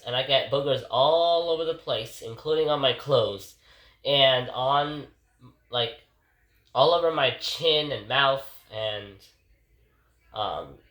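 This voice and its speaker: This kitchen vlog comes from a congested man whose voice is medium-pitched and a bit bright. Rambling through his casual daily reflection, he repeatedly addresses viewers as "guys," captured in a roomy, distant recording of his home kitchen.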